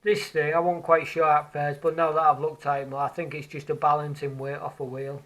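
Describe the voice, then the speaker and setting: A man with a somewhat raised pitch talks casually outdoors on a beach. He muses over his metal detecting finds in a relaxed, unscripted way. He hesitates and often repeats a word before going on. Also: a little fast, rough recording. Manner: musing, hesitant, repeats words while looking at finds.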